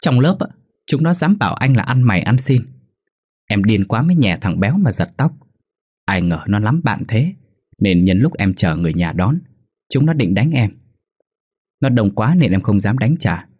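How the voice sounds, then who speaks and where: A man's voice: lowish voice, normal speed, a little mellow, no echo, studio quality, natural voice. A man voicing a naive, clingy little boy who pleads and sobs. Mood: indignant. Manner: sobbing, pleading.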